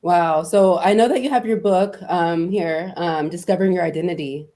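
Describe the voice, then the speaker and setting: Deep-voiced casual woman podcast host. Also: moderate pace, warm tone. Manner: upbeat, casual slang. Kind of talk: casual interview.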